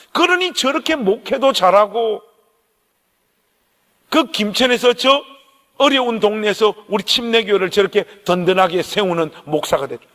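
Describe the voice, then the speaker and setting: High-voiced Gyeongsang pastor in a reverberant church. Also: male voice. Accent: Gyeongsang Korean. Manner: animated storyteller, addresses the congregation directly. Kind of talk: Korean dawn-service sermon with storytelling. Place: church sanctuary. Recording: long church hall reverb.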